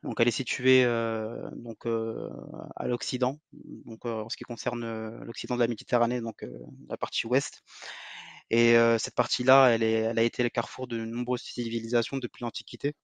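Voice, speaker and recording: Man from Algeria, monotone delivery, explains at length with stops and fixes, close dry mic. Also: medium pitch, no room sound. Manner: halting, self-correcting. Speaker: podcast guest, heritage advocate. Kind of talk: explanatory interview answers.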